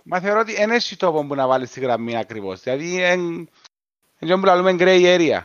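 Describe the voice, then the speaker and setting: A man with a Cypriot Greek accent, co-hosting a podcast in a measured, explanatory casual discussion. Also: sits high, expressive, clean tone, no echo, dull audio. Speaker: podcast co-host.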